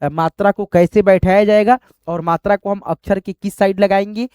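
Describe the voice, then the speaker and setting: A man's voice: sits high, steady tone, moderate pace, darkish tone, smooth, no echo, clean studio sound. A man teaching a step-by-step lesson, patient and repetitive, often calling his listeners friends and checking that they follow. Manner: checks understanding with short tag questions. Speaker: Hindi and English teacher.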